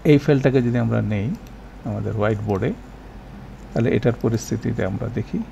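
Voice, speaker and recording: A man teaching grammar in a recorded lecture, explaining step by step and slowly repeating example words, with English terms mixed in. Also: medium pitch, gravelly, dark tone, slight background noise. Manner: mixes English terms into his talk.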